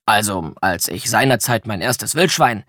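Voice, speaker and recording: A man voicing a gruff, blustering old ghost grandfather in an audiobook, talking in a booming way. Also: lively intonation, measured pace, pushed and bright, no room sound, clean studio sound, heavily acted. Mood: eager.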